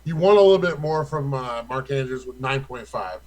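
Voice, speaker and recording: A man's voice: medium pitch, lively intonation, brisk, crowd noise, rough recording. A young man co-hosting a casual fantasy football chat, rattling off stats in a loose, profane way.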